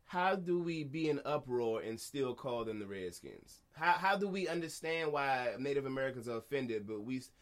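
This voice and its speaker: A man co-hosting a casual discussion podcast, arguing his point in an animated, emphatic way, restarting his sentences and using slang. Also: mid-range voice, normal speed, few pauses. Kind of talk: casual debate chat.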